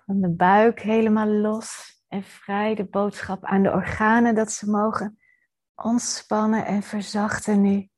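Leading a guided body-scan meditation, a woman teacher speaks in a soothing, gentle way with pauses. She has a medium-pitched, level voice that's a bit husky and breathy.

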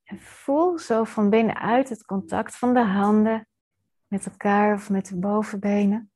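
Speaking as a meditation teacher, a woman takes listeners through a guided body scan at a medium pitch. Her delivery is gentle, soothing and punctuated with pauses, and her voice carries a slight husky breathiness.

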